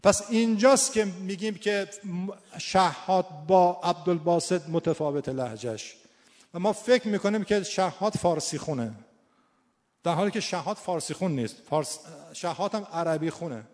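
A man's voice: high voice, a little mellow. Man teaching recitation in a reverberant hall. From Iran. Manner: thinks aloud, repeats key words for emphasis. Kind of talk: informal teaching talk.

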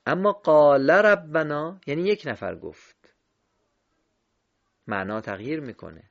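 A man teaching Quran recitation in a slow, deliberate lesson, drawing out vowels in his examples. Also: fairly high pitch, sing-song, gravelly, lo-fi sound. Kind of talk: instructional lesson.

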